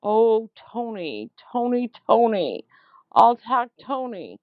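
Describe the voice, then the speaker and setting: Lady leaving a slow fed-up voicemail, dull lo-fi phone sound, dry and close. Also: fairly high pitch, sing-song, dry recording. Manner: slow, emphatic, indignant, repeats words for stress. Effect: leaving a voicemail over a phone line. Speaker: caller leaving a voicemail for a politician. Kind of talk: angry complaint message.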